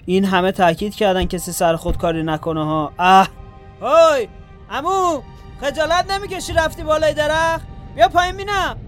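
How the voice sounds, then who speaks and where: An actor playing a young wounded soldier, grieving and quick to anger, blunt and scolding. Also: male voice, high-pitched, fairly even intonation, soft background music, close to an everyday voice. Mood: angry.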